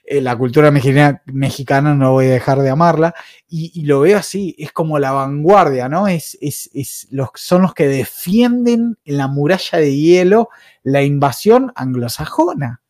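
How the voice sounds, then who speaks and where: A man's voice: on the high side, expressive, normal speed, darkish tone, dry recording, studio quality. An Argentine man with an accent from Argentina, hosting a casual podcast chat, passionate and opinionated, wandering through his points. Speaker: podcast host.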